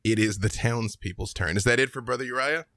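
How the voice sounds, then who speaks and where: A man's voice: medium pitch, a little fast, fairly bright tone, no echo, studio quality. A man narrating a tabletop game as the game master, moving between story description and rules.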